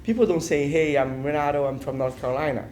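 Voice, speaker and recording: A man's voice: on the high side, quick pace, a little mellow, slight background noise. A man in an interview telling an anecdote, acting out people introducing themselves.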